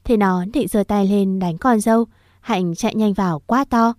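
A woman narrating a story in a steady, gentle reading voice. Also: medium pitch, moderate pace, dry recording, clean studio sound.

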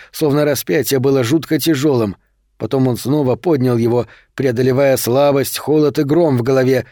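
A man narrating a horror novel as an audiobook, in a steady, measured reading. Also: medium pitch, no echo, studio quality.

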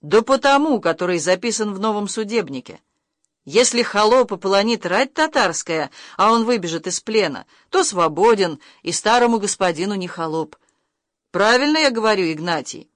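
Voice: mid-range voice, lively intonation, normal speed, a bit bright, dry recording, lightly acted. Narrator doing a proud young nobleman, firm and raised, dry close sound. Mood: defiant. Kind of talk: audiobook reading of character lines.

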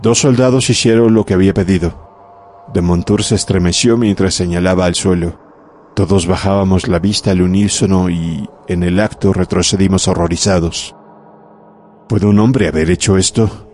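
A man narrating a horror audiobook in a measured, dramatic way. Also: sits low, fairly even intonation, a little mellow, slight background noise. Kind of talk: scripted narration of a horror story.

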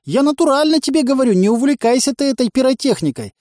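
A man's voice: very high-pitched, lively intonation, fast talker, a little mellow, no room sound, clean studio sound, voice pushed up. A man voicing a cowardly young male stoner and moonshiner who whines and pleads in a squealing voice. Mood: pleading. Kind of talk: audiobook character voice.

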